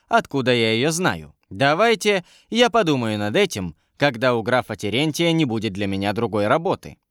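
A man reading an audiobook, voicing a young royal adviser who speaks in a courteous, measured way. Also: mid-range voice, no echo, clean studio sound, lightly acted.

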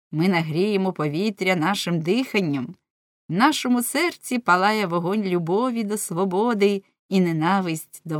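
A woman's voice: fairly low pitch, no room sound, studio quality. Woman voicing a bold, rousing rebel sea captain. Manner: rousing, declamatory.

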